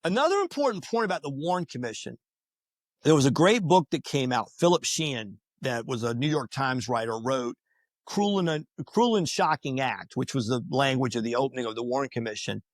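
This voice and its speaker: A man talking casually on a podcast, telling stories in a lively way and acting out what people said. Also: medium pitch, fairly quick, no room sound, clean studio sound. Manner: animated, acts out quoted voices.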